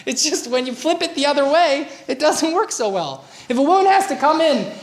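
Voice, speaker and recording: A man's voice: extremely high pitch, lively intonation, brisk. A man leading a relationship workshop, talking informally with personal stories and asides. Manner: chatty lecturing with personal anecdotes and asides. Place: workshop room at a community centre. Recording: roomy room recording.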